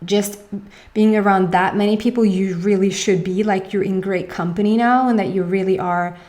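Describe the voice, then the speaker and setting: A young woman, a native Swedish speaker with a Swedish accent, gives a casual tarot reading, rambling, often searching for her words and using many fillers. Her voice is medium-pitched, steady and darkish, at a moderate pace.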